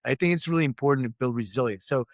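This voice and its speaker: Racing along in a mid-range voice, a middle-aged Lithuanian-born CEO who grew up in Philadelphia recounts his life as an interview guest, candid and self-mocking, voicing the people he quotes. The audio is clean studio sound with no room tone.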